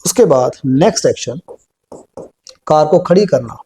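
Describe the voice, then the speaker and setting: A man teaches spoken English step by step in a Punjabi accent. His voice sits a little high but sounds warm and mellow. He talks slowly and repeats each phrase as he writes it out. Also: animated, slightly rough. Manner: slow, repeats phrases while writing on a board.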